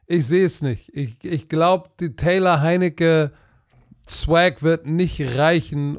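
A tired man talking football picks in a casual podcast chat, animated and full of vivid trash talk. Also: fairly high pitch, smooth, no echo, clean studio sound. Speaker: podcast co-host.

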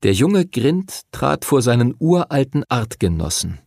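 A man narrating a fantasy audiobook in an expressive storytelling manner. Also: medium pitch, a little slow, gravelly, dry recording, clean studio sound.

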